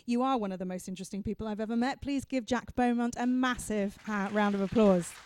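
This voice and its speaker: A woman's voice: mid-range voice, fairly quick, darkish tone, dry recording. A woman hosting a live on-stage interview, introducing her guest with effusive enthusiasm. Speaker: host and interviewer.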